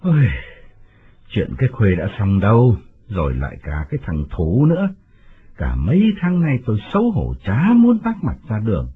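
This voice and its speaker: A man's voice: lowish voice, wildly swooping pitch, moderate pace. A man doing a curt self-important village official. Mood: weary. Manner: curt, dismissive. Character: wealthy middle-aged village official, evasive and self-important. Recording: tinny phone-like sound, faint music.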